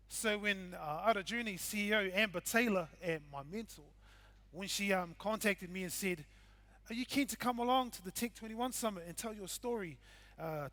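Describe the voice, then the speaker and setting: A man's voice: high-pitched, sharp tone. A middle-aged man with a broad New Zealand accent gives an informal, laid-back talk, speaking directly to his audience with Māori words and slang. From Whanganui, New Zealand. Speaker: conference speaker, game developer and hip-hop artist.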